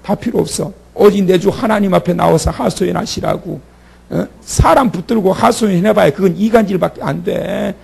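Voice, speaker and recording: Gravelly, husky-voiced male preacher. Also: high-pitched, moderate pace, darkish tone. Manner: conversational preaching, asks the congregation questions and has them repeat after him. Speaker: pastor. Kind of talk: sermon at a prayer meeting. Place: church sanctuary.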